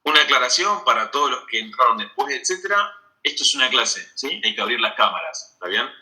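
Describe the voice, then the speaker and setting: A man's voice: medium pitch, sing-song, brisk, sharp tone, rough recording. A man giving an online medical school lecture, explaining step by step and checking in with "¿sí?" again and again.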